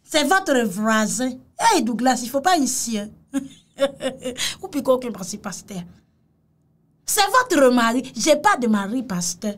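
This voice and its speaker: Woman, mocking reaction commentator; high, very animated delivery. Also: slow. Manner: mocking and exclamatory, repeats phrases, mixes in Creole. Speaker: commentator reacting to a video clip.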